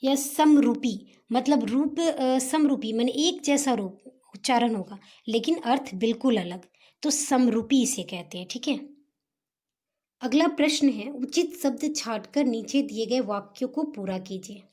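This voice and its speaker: Mellow-voiced woman teaching a lesson. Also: fairly high pitch. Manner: patient, explains slowly with Hindi-English mix. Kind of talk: homework explanation lesson.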